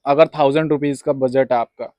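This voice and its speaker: A man's voice: mid-range voice, fairly even intonation, fairly quick, darkish tone, no room sound. Young man, casual vlogger, rambling and repetitive, clip-on mic, dry sound. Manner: rambling, repeats himself, mixes English words into Hindi. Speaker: vlogger reviewing a microphone. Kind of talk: casual unboxing vlog. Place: rooftop outdoors and indoors. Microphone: wireless clip-on mic and phone mic.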